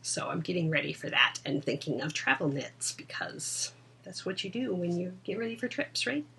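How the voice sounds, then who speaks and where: A woman co-hosting a casual podcast chat, laughing often and dropping into soft asides. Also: lowish voice, animated, normal speed, creaky, distant mic, a little hiss or hum. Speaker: podcast co-host. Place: indoor room at home.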